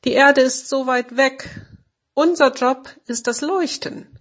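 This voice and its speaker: A woman's voice: sits high, slow pace, a bit bright, pitched above the performer's own voice, exaggerated voice. Lady putting on carefree star angels, lifted voice, breezy and dismissive, storybook. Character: group of careless young star angels. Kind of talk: storybook reading.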